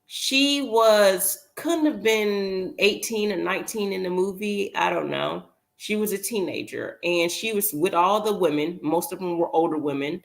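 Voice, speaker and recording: A woman giving casual opinion commentary in an emphatic, rambling way, pausing to recall details. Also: mid-range voice, vocal fry. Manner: emphatic, rambling, with pauses to remember.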